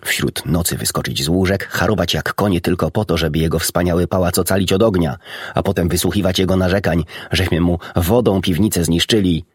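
A man's voice: low-pitched, steady tone, a little fast, husky, dry recording, studio quality. A man voicing an agitated, hot-tempered cat's-meat man who rants with indignation. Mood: outraged. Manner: indignant, outraged ranting.

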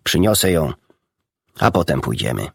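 A man voicing a calm, kindly middle-aged doctor who speaks in a measured, restrained way. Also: extremely low pitch, creaky, breathy edge, no room sound, studio quality, exaggerated voice.

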